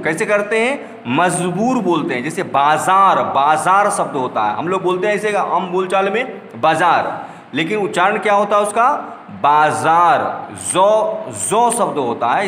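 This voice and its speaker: A man teaching a school grammar lesson, spelling out letters slowly one by one and explaining with rhetorical questions. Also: sits high, a bit bright, reverberant, big-room sound, a little hiss or hum.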